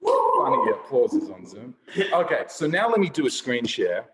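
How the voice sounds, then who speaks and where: A man's voice: mid-range voice, huge pitch swings, moderate pace, very noisy. Man doing slam poetry in an echoey room. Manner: rhythmic, rhyming spoken word delivery. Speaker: slam poet and presenter. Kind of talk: casual talk and spoken word performance. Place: room, performing for a video call.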